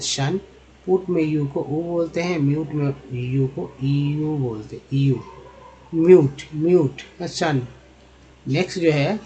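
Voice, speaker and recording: A man teaching English pronunciation in Hindi, repeating each example word slowly and often checking in with "है ना" and "दोस्तों". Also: on the high side, a little mellow. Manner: addresses viewers as friends. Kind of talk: spoken lesson.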